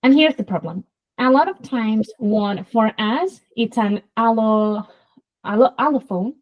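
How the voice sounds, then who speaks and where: A woman's voice: a little high, unhurried, highs cut off. A woman with a Spanish accent, a native Spanish speaker hosting an interview, explaining sounds in a lecturing way and demonstrating them aloud. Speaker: host, Spanish teacher.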